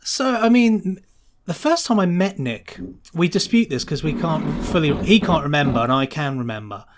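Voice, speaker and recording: A man with a higher-than-average voice and lively intonation talks at normal speed as a podcast guest and sound designer, rambling eagerly and casually through his answers. The background is noisy.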